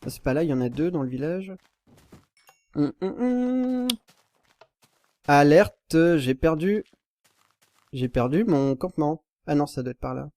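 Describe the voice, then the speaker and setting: A man's voice: on the high side, normal speed, darkish tone. A young man casually commenting on his video game as he plays, rambling and self-correcting, with sudden panicked yelps. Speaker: Minecraft YouTuber.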